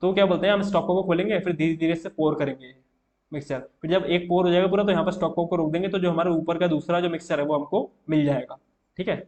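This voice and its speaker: Casual young male tutor, slightly high voice. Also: steady tone, quick pace, darkish tone. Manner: casual, repeats "theek hai" often, writing on board. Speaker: teacher. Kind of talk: exam-prep chemistry lesson.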